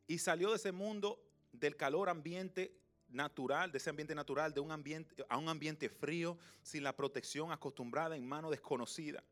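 A young man preaching a sermon, telling a personal story and moving between loud passages and hushed, slow ones. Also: on the high side, fairly even intonation. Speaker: pastor.

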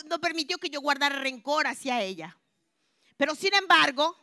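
A woman giving a religious testimony to a congregation, telling her story expressively and moving between hushed and loud. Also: high-pitched, no echo, studio quality. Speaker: church member giving a testimony.

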